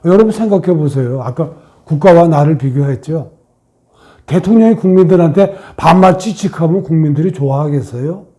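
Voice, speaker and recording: A man gives a meditation lesson to his listeners. His voice sits a bit high yet sounds soft and mellow. He leads with questions that he then answers himself, and at times he lowers to a whisper. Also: fairly quick. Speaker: meditation teacher. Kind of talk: meditation lecture.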